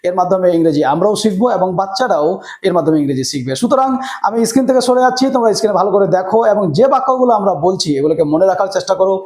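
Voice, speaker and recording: A man teaching a spoken English lesson, saying each phrase and then repeating the English slowly twice. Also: high-pitched, animated, a little mellow, reverberant.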